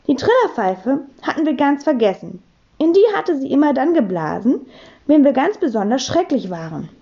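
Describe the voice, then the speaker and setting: A woman narrating a children's book in a playful, expressive way. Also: high-pitched, moderate pace, muffled recording. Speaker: audiobook narrator. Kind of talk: lively children's audiobook reading.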